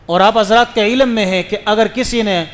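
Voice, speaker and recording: A man's voice: high voice, in a large hall. A man giving a religious lecture as a mufti, questioning his listeners and explaining rules patiently. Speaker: mufti preacher.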